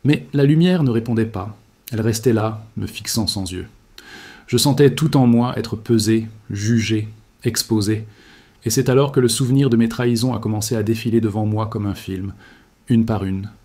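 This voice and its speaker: A man's voice: lowish voice, normal speed, warm tone, slightly rough. A man reading a grave, confessional first-person religious testimony in a solemn scripted narration.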